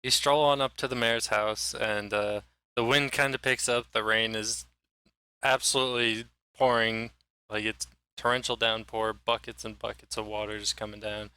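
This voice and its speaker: A man narrating a tabletop role-playing game as game master, describing scenes in a relaxed, loose way full of filler words. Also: fairly low pitch, normal speed, clean tone.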